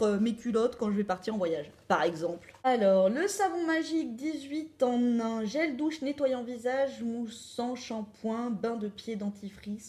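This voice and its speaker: A young woman with a slightly high voice hosts a casual beauty unboxing. She reads product labels aloud in a playful, jokey way. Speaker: beauty vlogger.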